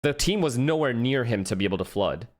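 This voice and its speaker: A man's voice: mid-range voice, expressive, quick pace. A man co-streaming a match for his chat, giving blunt, opinionated takes in casual talk. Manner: blunt, opinionated, talks over the casters. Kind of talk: casual watch-party commentary.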